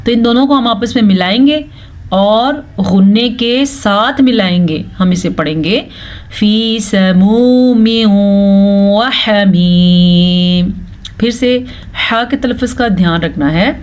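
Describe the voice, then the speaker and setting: A woman's voice: fairly high pitch, expressive. A woman teaching Quran recitation rules step by step, explaining patiently and correcting common mistakes. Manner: explains rules patiently, then recites verses slowly and drawn out.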